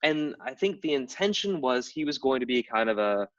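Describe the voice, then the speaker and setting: Speaking at normal speed with a medium pitch, big pitch swings, and a fairly bright tone, this middle-aged man from Tidewater, Virginia works as a game writer and anthropologist. He explains things at length in a casual interview, with many fillers and restarts. The live stream audio is distant, dull, and lo-fi.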